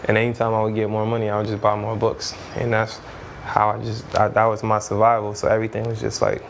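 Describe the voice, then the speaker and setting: Guesting on a casual interview, a thirtysomething music executive from Trinidad who grew up in Brooklyn rambles loosely through his stories, often adding "you know what I mean". He speaks quickly in a lowish monotone, over a faint hiss or hum.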